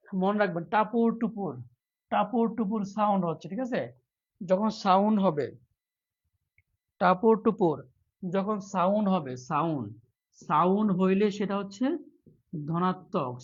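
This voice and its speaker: A man teaches a live online class for job exams, drilling his viewers with the same question again and again. His voice sits high for a man. The stream audio is dull and lo-fi. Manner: repeats questions over and over, quizzing viewers; reads viewer comments aloud, softer. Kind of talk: live online exam-prep lesson.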